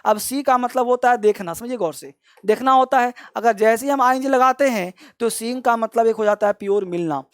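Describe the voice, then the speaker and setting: A man's voice: very high voice, brisk, dry recording. A male teacher giving a classroom grammar lesson, explaining step by step and repeatedly telling students to pay close attention. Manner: addresses listeners as kids, explains step by step.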